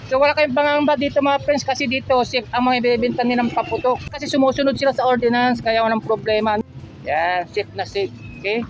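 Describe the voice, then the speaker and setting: A man's voice: very high-pitched, brisk, lo-fi sound, faint music behind. A man with a Filipino accent vlogging casually at outdoor stalls, asking vendors for prices and talking to his viewers as friends. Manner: chatty, asks prices, addresses viewers as friends. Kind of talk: casual walk-through vlog.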